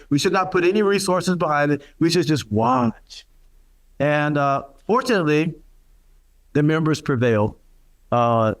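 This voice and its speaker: A man in his sixties giving a public speech at a symposium, earnest and halting with many fillers. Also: fairly high pitch, a bit bright. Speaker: panel speaker for a real estate group.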